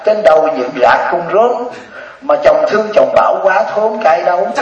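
Jokey Buddhist monk in an echoey hall. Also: male voice, high-pitched. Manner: jokey, laughs often, asks audience. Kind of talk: humorous dharma talk. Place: hall before an audience. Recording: echoey distant lo-fi hall recording.

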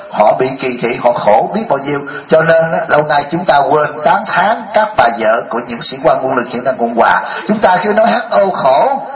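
A man's voice: fairly high pitch, a bit bright, roomy sound, rough recording. A man, a Buddhist monk teacher, giving a dharma talk that mixes humor with lecturing and speaks straight to the audience. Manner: addresses the audience directly, mixes jokes with lecture.

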